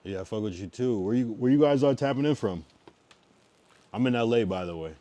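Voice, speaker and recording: Brisk and expressive in a mid-range voice, a man in his thirties hailing from the East Coast of the US, Massachusetts and Connecticut, hangs out chatting with his livestream audience. He's relaxed, sometimes loud, then drifting off into mumbles.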